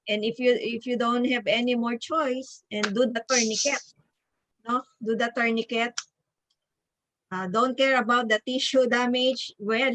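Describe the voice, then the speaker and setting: A woman's voice: a little high, fairly bright tone, no echo, rough recording. Woman teaching an online nursing review. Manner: ends points with a questioning "no?". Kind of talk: online class lecture. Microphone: video call.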